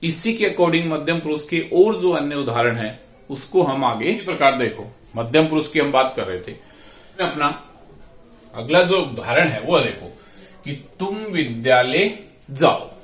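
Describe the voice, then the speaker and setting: A man's voice: fairly high pitch, expressive, measured pace. A man teaching Sanskrit grammar, drawing out each word and repeating verb forms aloud. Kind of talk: slow classroom explanation. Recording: echoey room, voice from a distance.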